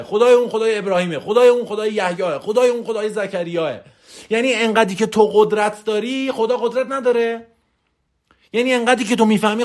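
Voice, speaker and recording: A man giving a motivational coaching talk in a voice message, emphatic and preachy, hammering points home through repetition. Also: sits high.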